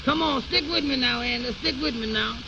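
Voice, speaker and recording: A man's voice: very high-pitched, a little fast, vocal fry. An actor playing a humble, naive and easily flustered man who stammers and repeats himself in folksy speech, in old radio comedy style. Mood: nervous. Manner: stammering repetitions, deferential, folksy ungrammatical speech. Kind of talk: 1930s-40s radio comedy acting. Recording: muffled, noisy old radio recording.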